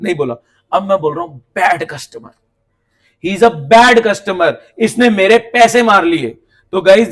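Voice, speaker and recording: A man teaching an accounts class, lively and talking straight to his students, acting out little dialogues. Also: high-pitched. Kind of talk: classroom coaching lecture. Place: coaching classroom.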